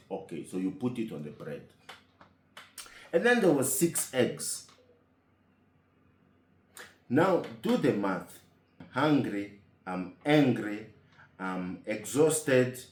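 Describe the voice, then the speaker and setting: A man telling a comic story as a monologue, animated and indignant, firing rhetorical questions. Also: medium pitch, reverberant.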